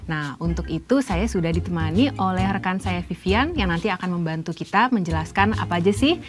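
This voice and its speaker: A woman's voice: on the low side, lively intonation, fairly quick. A woman hosting a conversational podcast interview in a chatty, encouraging way. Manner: chatty, encouraging, frequent backchannels. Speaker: podcast host. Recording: music behind the voice. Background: background music.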